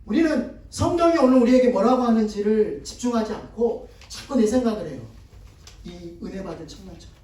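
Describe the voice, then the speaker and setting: Male pastor, high mellow voice, chatty sermon style that draws in the congregation; distant, very echoey church hall sound. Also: animated, brisk. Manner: conversational, prompting the congregation to repeat and answer. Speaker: guest pastor. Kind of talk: sermon seminar. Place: church sanctuary.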